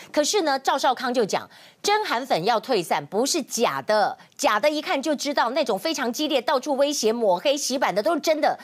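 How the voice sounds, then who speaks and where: Fast, lively Taiwanese woman commentator. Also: on the high side. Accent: Taiwanese Mandarin. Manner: indignant, fires rhetorical questions; drops in Taiwanese Hokkien words. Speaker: political commentator. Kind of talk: solo current-affairs commentary.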